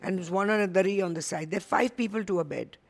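Female panelist, North Indian accent, medium pitch, emphatic and opinionated in discussion. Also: fast.

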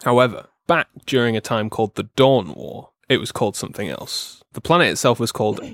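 A man's voice: medium pitch, expressive, a little fast, a bit bright, no echo, studio quality. A man acting as game master, explaining game lore in casual podcast chat, laughing often and swearing casually.

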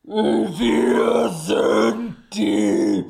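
A man voicing a gloating alien conqueror who booms out slow threats in an improvised audio play. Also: gravelly, darkish tone, full character voice. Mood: menacing. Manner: slow, booming, gloating laughter.

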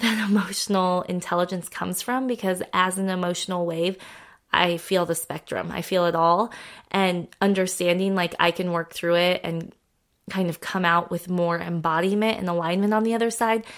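A young adult woman hosting a podcast, explaining in a casual chatty monologue, full of "like" and acted-out quoted thoughts. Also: lowish voice. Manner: chatty, lots of "like", acts out quoted thoughts in brighter voice. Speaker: podcast host and coach.

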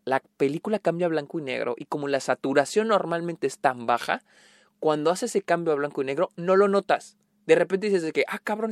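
A man's voice: high voice, no echo, studio quality. A man with a Mexican accent giving a casual, blunt, profane film review and repeating his points for emphasis. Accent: Mexican Spanish.

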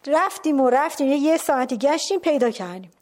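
A woman tells a personal story in a relaxed, conversational way. Her voice sits a little high, and she keeps the telling animated. She sinks to a hushed whisper at tense moments and often breaks off a word to start again. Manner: trailing off and restarting mid-word. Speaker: storyteller recounting a climb. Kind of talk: casual spoken storytelling.

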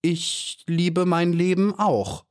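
A man's voice: mid-range voice, animated, moderate pace, darkish tone, lightly acted. A man reading aloud, voicing a little young female bee who speaks timidly yet firmly.

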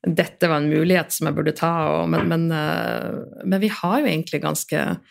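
A middle-aged woman with a North Norwegian accent and a fairly low, creaky voice. She talks in a casual, reflective way as an interview guest, often pausing and repeating words as she thinks aloud. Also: fairly even intonation. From Northern Norway.

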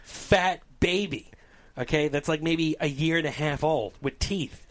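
A man co-hosting a casual talk show, telling a dream story in an animated way, swearing often and acting out voices. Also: a little high, a little slow. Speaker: podcast co-host.

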